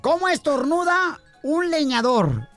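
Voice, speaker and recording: A playful male radio host, joking and teasing his co-hosts. His voice swings lively up and down over light music. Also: very high voice. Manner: playful, teasing, quick to laugh. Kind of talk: joking morning radio banter.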